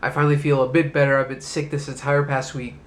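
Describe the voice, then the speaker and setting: Stuffed up from being ill, a man reviews movies on his own video, coughing occasionally as he rambles loosely and drops casual swear words. He talks fast at a medium pitch, with little movement in his intonation.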